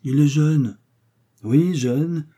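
A man's voice: fairly high pitch, extremely slow, warm tone, slightly rough, voice pushed up, heavily acted. A man playing an anguished aristocratic father. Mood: wistful. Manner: pleading, emotional outbursts.

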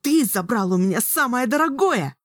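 A shrill, wildly swooping voice of a young sorceress wild with grief and fury. She screams her accusations high and hard. The recording is close and dry. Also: sing-song, unhurried, a bit bright, no room sound, exaggerated voice. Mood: cold hatred. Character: young girl sorceress, grief-stricken and furious. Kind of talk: audiobook character voice.

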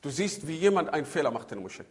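A man's voice: on the high side, racing. A man giving a religious talk as a preacher, telling stories animatedly and adding Arabic religious phrases. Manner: animated storytelling with shifting emphasis. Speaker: Islamic preacher. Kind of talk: religious talk on child-rearing.

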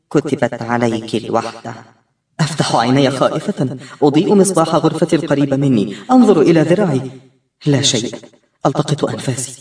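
A man reading an audiobook as a first-person narrator, expressive and tense. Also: mid-range voice. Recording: roomy, distant-miked recording.

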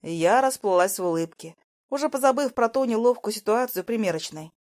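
A woman's voice: fairly high pitch, expressive, fairly quick, a little mellow, no room sound, clean studio sound. A woman narrating a novel in the first person, evenly, like a storyteller. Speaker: audiobook narrator.

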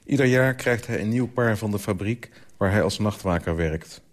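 An author reading his own literary story aloud for radio, in a calm, measured way. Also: fairly low pitch.

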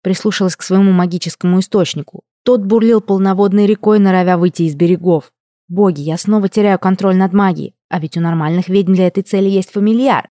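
A woman reading a first-person audiobook with expressive, emotional storytelling. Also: medium pitch, a little fast, no room sound, clean studio sound. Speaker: audiobook narrator. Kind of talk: scripted first-person narration.

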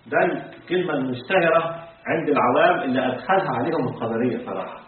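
Male sheikh, brisk lecturing with questions to the class; far-off mic, phone-thin, heavy hall echo. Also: mid-range voice, lively intonation. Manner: asks the class questions and drops into colloquial asides; slows to a deliberate pace when reciting the text. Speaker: sheikh teaching creed. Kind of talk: religious lesson to a class. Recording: distant, phone-like, echoey hall.

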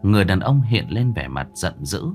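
A man narrating a horror story in a dramatic, suspenseful manner, slowing down for tense moments. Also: low voice, very animated. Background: soft background music.

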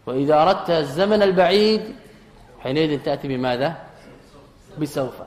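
A man's voice: a little high, animated, brisk, darkish tone. Lecturing man in an echoey hall. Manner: rhetorical questions answered himself, repeats key phrases. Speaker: teacher of Arabic grammar. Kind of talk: classroom lecture. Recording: echoey hall with long reverb.

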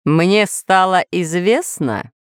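Taking it slowly, a woman with a fairly low, smooth voice reads a storybook in the role of a villainous male scientist who rules dinosaurs. He comes across as boastful, pompous and threatening; the recording is dry and studio quality.

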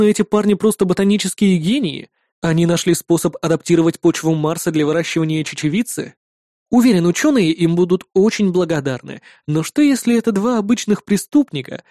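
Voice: mid-range voice, warm tone, no room sound, clean studio sound. Wry first-person audiobook reader.

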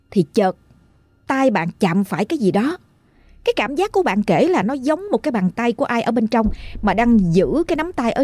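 A woman tells a ghost story in a chatty, dramatic way. Her voice is fairly high, and she draws out the tense moments. The sound is dry and close. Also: a little mellow, no echo. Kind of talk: casual storytelling.

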